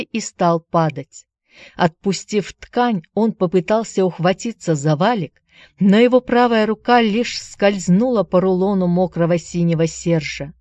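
A woman narrating a storybook at a steady, measured pace. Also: fairly low pitch, no room sound, studio quality. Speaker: audiobook narrator. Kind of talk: scripted narration.

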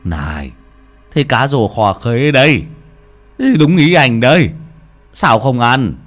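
A man's voice: mid-range voice, very animated, unhurried, faint music behind. A man doing a flustered old father. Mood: urging. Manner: flustered, stammering repetitions. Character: anxious, scolding old peasant father.

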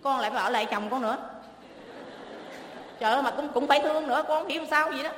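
A woman's voice: high voice, rapid-fire, a bit bright. A middle-aged woman with a Southern Vietnamese accent, telling her own life story in an emotional, pleading rush of words. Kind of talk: emotional personal testimony. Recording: echoey hall with faint ambience.

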